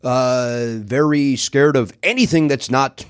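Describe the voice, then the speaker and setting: A man's voice: medium pitch, a little slow, clean tone. A middle-aged man from the South Side of Chicago, a podcast guest telling his life story in a candid, self-deprecating way. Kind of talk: casual conversation.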